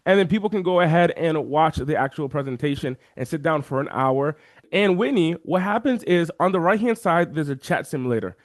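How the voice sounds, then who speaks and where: A man talking as an interview guest, walking through software on a shared screen and acting out the voices of chat viewers. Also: on the high side, brisk, dry recording, studio quality. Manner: animated, acts out quoted chat voices. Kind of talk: energetic screen-share walkthrough.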